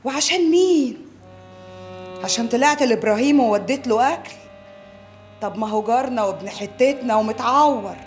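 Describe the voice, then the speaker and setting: An actress playing an indignant wronged wife. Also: female voice, on the high side, brisk, long pauses, soft background music, lightly acted. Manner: indignant, complaining. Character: wronged young wife, bitter and defiant.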